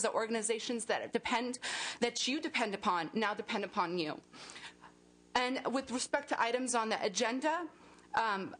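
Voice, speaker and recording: A woman from a service provider giving a prepared public comment at a budget hearing, in a firm, steady manner. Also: on the high side.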